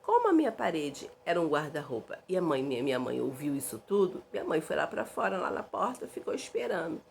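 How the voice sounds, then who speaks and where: Low gravelly woman telling a story. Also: lively intonation, brisk, slight background noise. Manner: dramatic, emphatic retelling. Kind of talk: personal story narration.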